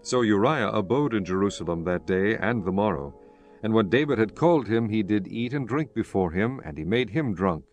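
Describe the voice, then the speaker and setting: Clear background music accompanies a man's scripted reading of scripture, delivered in a fairly low voice that is solemn and measured yet expressive.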